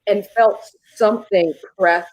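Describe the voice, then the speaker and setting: A woman guest telling a personal ghost story in a casual podcast chat, animated and acting out moments with sudden jumps in pitch. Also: a little slow, dry recording, highs cut off.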